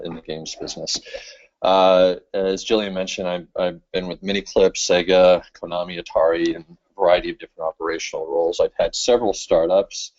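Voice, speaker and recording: A games executive from San Francisco, California gives a casual slide presentation in a webinar, his low, slightly mellow voice halting along with many fillers and restarts. The audio is dull and lo-fi.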